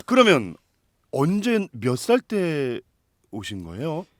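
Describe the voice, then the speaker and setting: Lively male talk show host, animated pitch. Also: slow.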